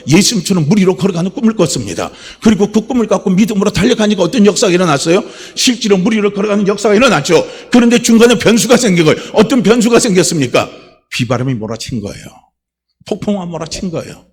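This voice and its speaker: A male pastor preaching a Sunday sermon in a church, his delivery swinging from low, quiet murmurs to loud, shouted declarations. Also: slightly rough, big-room sound. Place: church sanctuary.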